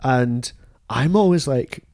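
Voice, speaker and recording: Man, podcast host, casual chat, mid pitch, halting, dry close sound. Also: lively intonation, a little mellow, dry recording. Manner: halting, with many restarts and fillers.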